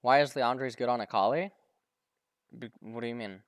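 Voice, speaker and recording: A man's voice: medium pitch, normal speed, dry recording. A man streaming live, casually commenting on a pro match, often stumbling, repeating words and answering viewers' questions.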